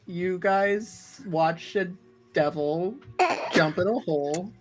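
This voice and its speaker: A woman's voice: lowish voice, slow. A woman running a tabletop game as game master, narrating casually among players.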